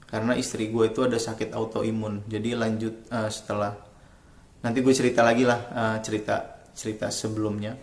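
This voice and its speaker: A man's voice: on the low side, flat delivery, fairly quick, echoey room. A young man tells a personal story in a casual, rambling vlog, full of slang and restarts. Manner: chatty, rambling, slangy Jakarta-style speech. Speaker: vlogger.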